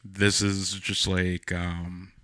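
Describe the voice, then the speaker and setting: Slow, halting man with a bright tone. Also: deep voice, level tone, clear, resonant tone, dry recording, clean studio sound. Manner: halting, many fillers and restarts. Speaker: podcast co-host. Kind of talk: casual film discussion.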